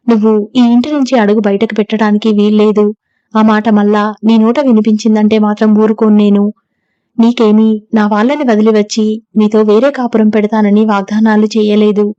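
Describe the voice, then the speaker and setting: Woman voices an angry young husband, storybook drama, flat mellow delivery, dry and dull sound. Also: medium pitch, clean tone, dry recording, close to an everyday voice. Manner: angry, scolding, commanding. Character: furious young husband shouting at his wife. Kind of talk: audiobook character reading.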